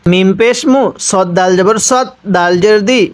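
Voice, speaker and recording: Male Quran teacher from Bangladesh, unhurried and methodical, spells out each letter step by step. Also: sits high, clear, resonant tone. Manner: methodical, spells out each letter and vowel mark, asks and answers his own questions.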